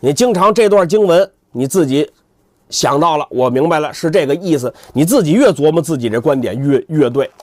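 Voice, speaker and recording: A man's voice: a little high, expressive, brisk, a little mellow, no echo, studio quality. A man telling a traditional tale as a dramatic storyteller, conversational and emphatic, with colloquial asides and repeated phrases.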